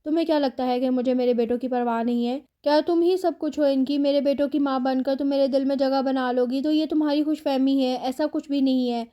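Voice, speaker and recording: A woman's voice: high-pitched, fairly even intonation, few pauses, warm tone, close to an everyday voice. A woman reading a proud teasing young husband. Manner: taunting, then tender.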